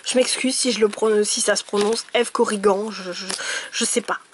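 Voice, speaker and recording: A woman chatting casually to her viewers about oracle cards, giggling often and filling her talk with pauses and restarts. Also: medium pitch, fairly even intonation, slight background noise. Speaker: tarot and oracle card reader. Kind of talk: casual chat to camera.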